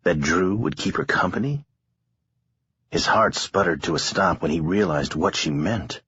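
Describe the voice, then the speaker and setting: Audiobook narrator: man with a very deep, husky voice and dull lo-fi sound. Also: expressive, unhurried, a bit bright, dry recording. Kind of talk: scripted narration.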